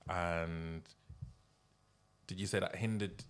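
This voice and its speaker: Low-voiced man hosting casual interview. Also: steady tone, takes it slowly, smooth. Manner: informal slang, repeated check-in phrases. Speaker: interview host.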